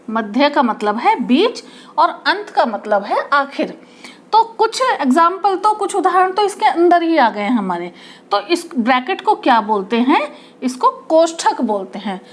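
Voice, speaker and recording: A woman teacher explaining a grammar lesson, asking her class questions and restating each term in simpler words. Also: high voice. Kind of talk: Hindi grammar lesson at a board.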